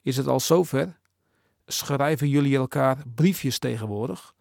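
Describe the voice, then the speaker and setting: A teasing, good-humoured father from a storybook, gently mocking and chuckling, as a male narrator puts him on. His voice has a gravelly edge and sits a little higher than the narration. The sound is close and dry. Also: measured pace, no room sound. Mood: amused. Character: jovial teasing middle-aged father.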